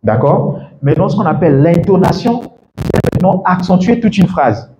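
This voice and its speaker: A man teaching English to a class of students, lively and full of questions to the room, laughing often. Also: high-pitched, moderate pace. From Ivory Coast. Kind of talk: classroom masterclass. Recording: echoey room with faint background noise.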